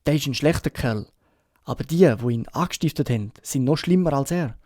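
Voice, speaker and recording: A Swiss German man voicing a sick, gruff old sea captain in an audiobook, urgent and pleading in rough sailor talk. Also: medium pitch, lively intonation, fairly quick, dark tone, no room sound, studio quality, natural voice. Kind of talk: audiobook character reading.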